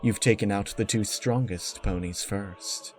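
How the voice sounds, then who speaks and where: Regal pony princess villain done by a man, measured, cold and commanding, for a dark storybook reading. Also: fairly low pitch, close to an everyday voice. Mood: cool approval.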